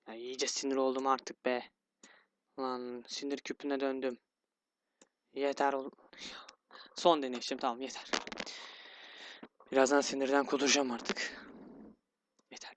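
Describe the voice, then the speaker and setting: A man commentating his own gameplay, grumbling and getting easily frustrated, with sighs and yelps. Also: medium pitch. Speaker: gaming YouTuber. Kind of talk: let's play commentary.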